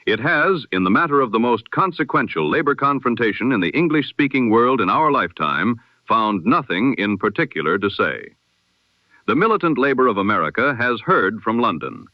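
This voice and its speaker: Imitating a 1920s radio announcer, a man with a mid-range voice and big pitch swings reads a scripted news bulletin at normal speed. The tone is formal, solemn and rhetorical; there's no room sound, and an old radio filter makes it dull and lo-fi.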